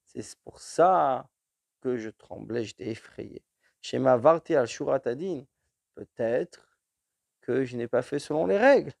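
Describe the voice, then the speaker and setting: A man teaching a verse-by-verse text study, reading each Hebrew phrase and then slowly translating it into French, with frequent restarts. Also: mid-range voice, animated, vocal fry, a little mellow, no room sound. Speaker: Torah teacher.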